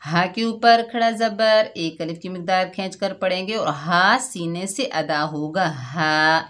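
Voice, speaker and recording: Slow, patient woman teaching recitation. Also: lowish voice. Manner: patient and explanatory, often adding a checking "theek hai"; slows and draws out the recited words. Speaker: Quran tajweed teacher. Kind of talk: slow word-by-word recitation lesson.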